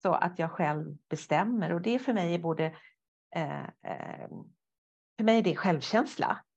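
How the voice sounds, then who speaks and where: A woman's voice: fairly low pitch, vocal fry, husky. Thoughtful woman with a dull lo-fi sound. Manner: thoughtful, hesitant with fillers, lively when quoting inner voices. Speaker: guest, psychosynthesis therapist. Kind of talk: conversational interview.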